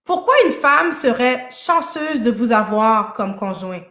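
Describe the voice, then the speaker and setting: A woman's voice: on the high side, expressive, a little slow, sharp tone, roomy sound. A woman hosting a live-stream dating show, interviewing a guest with persistent, probing questions.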